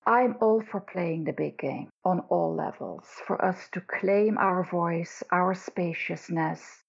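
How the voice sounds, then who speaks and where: A woman with a Dutch accent speaking earnestly as a podcast guest, phrasing deliberately in short pieces. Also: lowish voice, vocal fry, breathy edge. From Netherlands. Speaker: guest co-host, leadership coach. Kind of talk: podcast interview talk. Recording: dull lo-fi audio.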